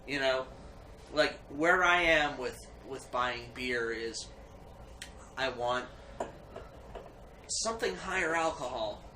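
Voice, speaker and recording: A man with a bright, sharp voice gives a casual beer review among friends. He is tipsy and meandering, halting and restarting as he goes. It sounds roomy, with faint noise behind him. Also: medium pitch. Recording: echoey room, background ambience noise.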